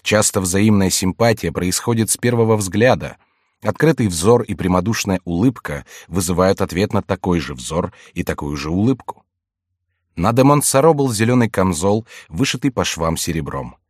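A man narrating a classic novel in an even, measured audiobook reading. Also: low voice, dry recording, studio quality.

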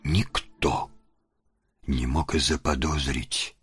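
A man narrating a fantasy audiobook in a measured, dramatic way. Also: extremely low pitch, steady tone, a bit bright, breathy edge, dry recording, studio quality, faint music behind.

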